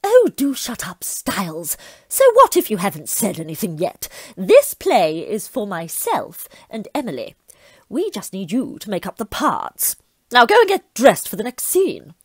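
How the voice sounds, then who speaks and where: An actress playing a pompous, imperious Satan with a husky voice in a comic audio pantomime. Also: female voice, mid-range voice, wildly swooping pitch, a little slow, no room sound, full character voice. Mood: imperious, scornful. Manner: grand, imperious, theatrical. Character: pompous female Satan, theatrical dark lord, easily rattled.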